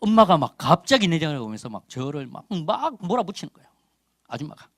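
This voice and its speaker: A man in his forties preaching a sermon and telling a personal testimony, emphatic, with loud calls and quiet asides. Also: a little high, sing-song, fast, dry recording, studio quality. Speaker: missionary preacher.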